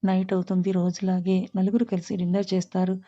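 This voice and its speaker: A woman narrating a family story in a plain, steady storybook telling. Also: on the low side, fast. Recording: slightly dull lo-fi recording.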